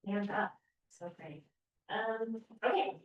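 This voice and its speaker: A woman author reading aloud from her own novel at a library event, expressive and with brief hesitations. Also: medium pitch, slow, dull audio, slight background noise. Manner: expressive first-person reading, brief hesitations between parts. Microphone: podium microphone. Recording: very echoey room, voice far from mic.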